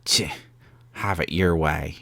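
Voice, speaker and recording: A man voicing a gruff, proud and stubborn pirate captain from a video game, with piratical turns of phrase. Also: extremely low pitch, steady tone, slow pace, sharp tone, no room sound, heavily acted. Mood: grudging. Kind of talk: video game dialogue read-aloud.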